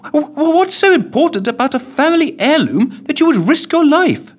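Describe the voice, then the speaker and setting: A man's voice: very high-pitched, big pitch swings, normal speed. A man voicing a brave, cunning young woman adventurer in an audio storybook, breathless and urgent.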